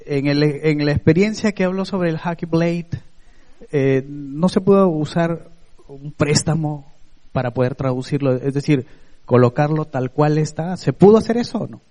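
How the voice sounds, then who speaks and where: A man's voice: a little high, normal speed, warm tone. A Peruvian man with a Peruvian accent, asking the lecturer a question from the audience and hesitating while searching for words. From Peru.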